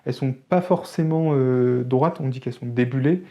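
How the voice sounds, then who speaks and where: A man's voice: medium pitch, normal speed, highs cut off. A man hosting a photography channel, talking casually to camera in an opinionated way with wry joking asides.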